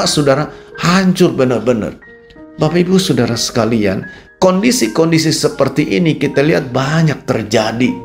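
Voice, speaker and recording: A man with an Indonesian accent preaching a radio sermon. He talks straight to his listeners and swings between low quiet asides and raised, emphatic peaks. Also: creaky. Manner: addresses listeners as "Saudara" constantly. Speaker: pastor. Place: radio studio.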